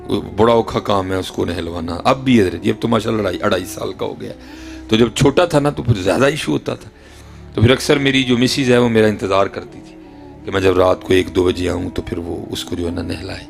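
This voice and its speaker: A middle-aged man preaching a sermon with a Punjabi accent. He swings between loud exhortation and hushed near-whispers, and keeps addressing his listeners as "Hazrat ji". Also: on the low side, creaky. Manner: addresses the audience repeatedly as "Hazrat ji". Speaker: religious preacher.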